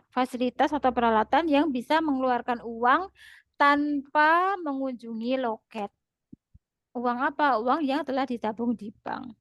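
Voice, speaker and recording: Higher-pitched woman tutor, dry close sound. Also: no echo. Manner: explains patiently, repeats terms, laughs often. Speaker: Korean language tutor. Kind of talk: online class explanation.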